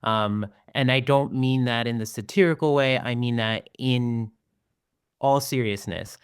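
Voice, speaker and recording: A man answers an interview question at a very slow pace, pausing to think. His voice is smooth and clear, heard dry and close. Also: medium pitch, no echo. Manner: slow, thoughtful, with pauses and fillers. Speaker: guest, organizer.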